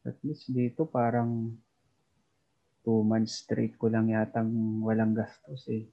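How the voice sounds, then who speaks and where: A man's voice: on the low side, level tone, slow, creaky, highs cut off. A man from the Philippines, an overseas worker, chatting casually on a podcast and chuckling as he talks. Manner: chatty, chuckles while talking.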